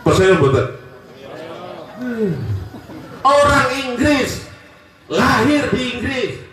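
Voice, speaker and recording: A high-voiced man with a Javanese accent delivers a lively sermon, shifting from soft, low asides to loud, emphatic calls. He sounds far from the mic, and a strong echo rings around him in a large hall. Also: extremely slow, a loud crowd. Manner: lively, joking, shifts between loud and quiet. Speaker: preacher. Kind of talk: religious sermon to a crowd. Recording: echoey from far off.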